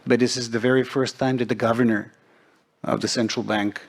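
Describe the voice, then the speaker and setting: A middle-aged man from Serbia speaking as a forum panelist, measured and deliberate, with frequent pauses. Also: medium pitch, level tone, creaky. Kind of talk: panel discussion remarks.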